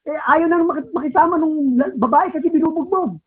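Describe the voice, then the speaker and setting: A man's voice: very high voice, brisk. A man preaching a conversational Sunday sermon in church, often asking the congregation rhetorical questions and prompting a reader through verses. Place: church service. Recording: tinny phone-like sound.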